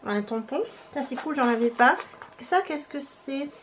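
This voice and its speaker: Young female vlogger, high-pitched, casual and halting, faint background noise. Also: a bit bright. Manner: chatty, hesitant, thinking aloud. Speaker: beauty vlogger. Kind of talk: casual unboxing chat.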